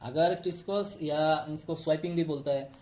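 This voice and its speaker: A man's voice: a little high, fairly even intonation, normal speed. A man explaining step by step how fiber optic cables are tapped and connected, pointing to a diagram he drew. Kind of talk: technical tutorial.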